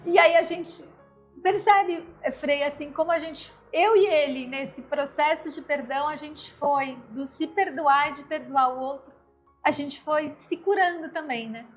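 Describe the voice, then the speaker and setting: A woman with a Brazilian Portuguese accent, speaking as an interview guest and giving a tender, reflective personal testimony with halting pauses. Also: high voice.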